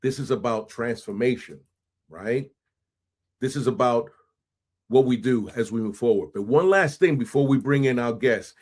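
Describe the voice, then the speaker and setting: A man hosting a podcast, energetic and hype, sprinkling in Spanish phrases and frequent "right?". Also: mid-range voice, moderate pace. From New York City. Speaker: podcast host. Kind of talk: animated podcast intro and interview.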